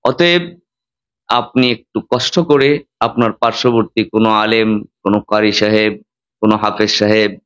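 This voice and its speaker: A man's voice: fairly low pitch, fairly even intonation, normal speed, long pauses, a bit bright. Teacherly preacher man. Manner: teacherly, demonstrates Arabic pronunciation, emphatic rises and drops. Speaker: Islamic preacher. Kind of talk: sermon.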